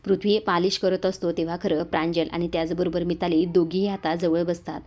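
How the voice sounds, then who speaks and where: A woman retelling a TV serial episode as a recap narrator, in a steady storytelling manner. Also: on the low side, brisk.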